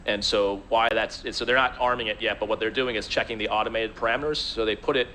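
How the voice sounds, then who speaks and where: A man's voice: fairly low pitch, fairly even intonation, fast, bright, forceful tone, rough recording. A man giving live expert commentary in a conversational, explanatory way. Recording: faint background noise.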